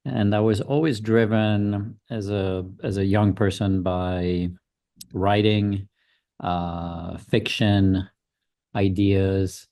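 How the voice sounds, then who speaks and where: Man in his fifties, interview guest; slow, musing delivery full of ums and restarts. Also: fairly low pitch, flat delivery, mellow. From Switzerland. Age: 50s. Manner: thoughtful, hesitant, many ums and restarts. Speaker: guest designer. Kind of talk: casual interview answers.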